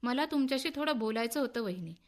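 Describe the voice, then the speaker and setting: Caring male friend, calm and reasoning, read by a woman in a high voice for a radio story. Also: quick pace, natural voice. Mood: soothing. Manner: gentle and reasoning.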